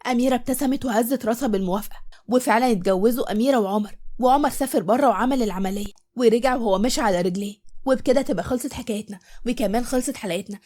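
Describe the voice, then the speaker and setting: A woman storyteller with an Egyptian accent narrates a tale. She speaks very fast with a fairly high voice. The delivery is lively and brisk. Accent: Egyptian Arabic.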